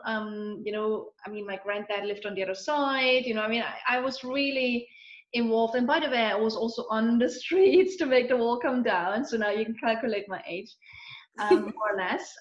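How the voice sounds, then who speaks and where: A woman in her forties who grew up in Eastern Germany talks through her story in a loose, chatty way, with lots of fillers and restarts. Her voice sits a little high. The audio is roomy and dull, like a lo-fi call. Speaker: guest. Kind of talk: casual conversational interview.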